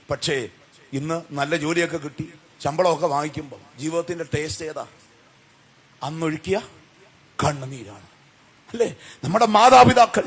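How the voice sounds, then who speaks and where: A male preacher giving a sermon, firing questions at the congregation and swinging from loud calls to soft, low answers. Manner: call-and-response questions to the congregation.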